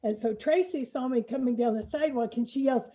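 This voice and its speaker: Chatty older lady on a video call, mellow voice, kinda muffled lo-fi audio. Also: fairly high pitch, a little fast. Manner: lively storyteller, chatty. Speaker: computer trainer. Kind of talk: casual chat on a video call.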